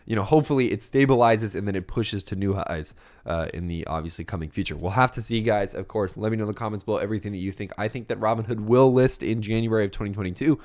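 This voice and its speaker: A young man hosting a casual crypto video, chatty and rambling, with a voice that is a bit rough today. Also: lowish voice, fast, darkish tone. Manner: chatty and rambling, many fillers and restarts. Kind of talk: casual market commentary.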